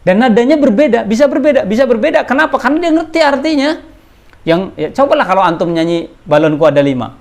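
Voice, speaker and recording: Gravelly-voiced man giving a casual religious talk. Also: extremely high pitch, fast. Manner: chatty, addresses listeners as Pak, animated rises and drops. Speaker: religious teacher. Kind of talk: informal religious study talk. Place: outdoors on a palm oil plantation.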